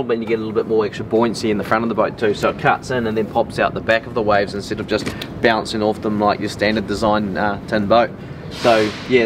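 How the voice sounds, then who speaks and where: A man in his thirties with a New Zealand accent casually explains technical details in a plain-spoken way, as a boat builder showing his product. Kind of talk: casual product walk-through. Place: outdoors in a yard beside a metal boat. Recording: outdoor noise, distant mic, vehicle rumble.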